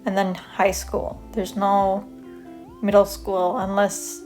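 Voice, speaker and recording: A soft-spoken young woman from Canada, casually telling stories about her school years in a rambling, self-deprecating way while she draws, with light music playing behind her. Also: mid-range voice, completely flat delivery, slow pace. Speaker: vlogger. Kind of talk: casual storytelling over drawing.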